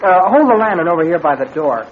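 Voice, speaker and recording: Eager american kid sidekick, high voice, old radio show, tinny. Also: male voice, big pitch swings, fast, slightly rough, heavily acted. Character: eager, bright boy sidekick in an adventure. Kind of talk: old radio show, adventure serial acting.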